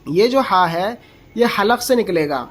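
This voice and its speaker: A Quran reading teacher giving a slow, step-by-step pronunciation lesson, explaining where each letter is formed and repeating its sound aloud. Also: mid-range voice, lively intonation. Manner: patient, explains slowly and models each letter sound aloud several times; asks the learner short checking questions.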